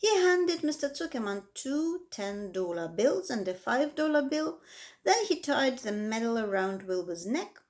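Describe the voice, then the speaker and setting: A woman reading a children's book aloud with expressive, dramatic emphasis. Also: a little high, a little slow. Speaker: reader. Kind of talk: storybook read-aloud.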